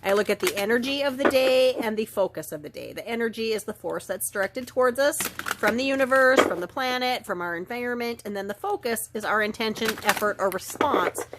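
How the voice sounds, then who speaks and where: Indoors under ring lights, a woman with a slight head cold gives a soft, unhurried daily oracle card reading. Her voice is a little high, with a raw, gravelly throat, and she drifts through ums and trailing phrases. Some background noise is present.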